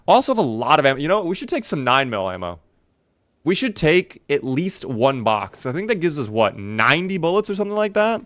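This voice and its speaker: A man's voice: on the high side, very animated, fairly quick, fairly bright tone, dry recording, clean studio sound. A man doing casual live commentary while playing a survival video game, chatting to viewers in a wry, mock-dramatic way.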